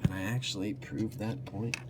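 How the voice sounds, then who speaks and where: This DIY tutorial host has a fairly low voice with fairly even intonation and a moderate pace. He's plainspoken and casual, walking through each step as he works, while clear noise and clicks run through the homemade recording.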